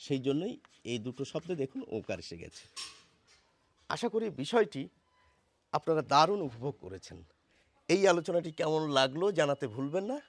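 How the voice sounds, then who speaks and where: High, lively Bengali teacher at a blackboard. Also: male voice, moderate pace, long pauses. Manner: explains step by step, asks questions to the viewer. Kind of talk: blackboard pronunciation lesson.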